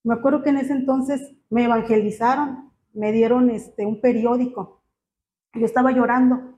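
A woman gives a personal church testimony, speaking in a halting, emotional way with many fillers. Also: a little high, steady tone, warm tone. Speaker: church member giving testimony. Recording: muffled, slightly noisy.

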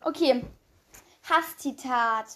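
A woman's voice: high-pitched, slow, a bit bright. A young woman co-hosting a casual podcast chat, giggly and pushy as she urges her friend on. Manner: giggly, bossy, urging. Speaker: podcast co-host.

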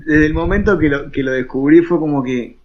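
Halting man, lo-fi sound. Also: on the high side, crowd noise. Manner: warm, halting, restarts often. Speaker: host. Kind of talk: casual interview chat. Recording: dull lo-fi sound.

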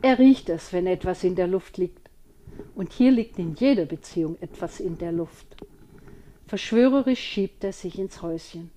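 A woman reading a children's story aloud with slow, expressive storytelling. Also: fairly low pitch, slight background noise. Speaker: audiobook reader.

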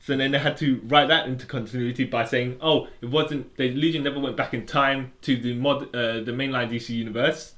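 A man's voice: mid-range voice, fairly even intonation, brisk, few pauses, fairly bright tone. A man co-hosting a podcast, explaining at length in casual chat with lots of restarts and fillers. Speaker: podcast co-host.

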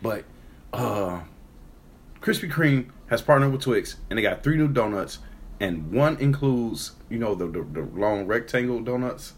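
A man's voice: medium pitch, animated, a little slow. A congested man co-hosting a podcast, chatting loosely and cursing as he jokes. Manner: loose and profane, joking. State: congested, coughing. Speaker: podcast co-host. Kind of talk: casual chat.

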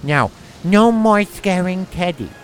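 A man voicing a frightened young boy who quietly comforts his toys in a hushed, reassuring way. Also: medium pitch, lively intonation, unhurried, noisy background, pitched above the performer's own voice.

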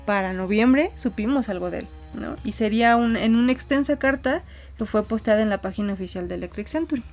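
A woman's voice: a little high, a little fast, darkish tone, soft background music. A woman podcast co-host telling a story in casual chat, hesitant, with fillers and restarts.

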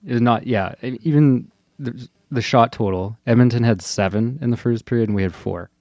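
A man's voice: medium pitch, moderate pace, a little mellow, no room sound, clean studio sound. A man co-hosting a sports podcast in casual hockey chat.

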